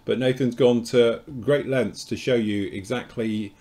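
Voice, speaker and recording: Chatty host of a modelling stream. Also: male voice, mid-range voice, fairly even intonation, unhurried, warm tone. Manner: chatty, rambling, explains as he goes. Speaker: host of a model-kit live show. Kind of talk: casual live-stream chat.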